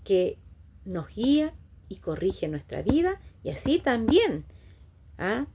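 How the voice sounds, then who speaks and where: A woman's voice: on the high side, sing-song, takes it slowly, darkish tone, a little hiss or hum. A woman preaching a sermon to her congregation. She asks them rhetorical questions and ends nearly every phrase with a questioning "right?".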